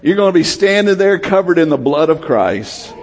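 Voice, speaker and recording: A man preaching a sermon as pastor, calling out to his congregation, swinging between shouts and low, quiet lines. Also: normal speed, slight background noise. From United States. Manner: lively preaching, calls out to the congregation, rises to shouts and drops low.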